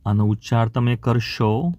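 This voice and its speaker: A man with a Gujarati accent teaches beginners, speaking very slowly and pausing between words. He repeats each English word loudly, two or three times, at a middling pitch. The sound is dry and close, with no echo. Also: fairly even intonation, muffled recording. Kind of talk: beginner vocabulary lesson.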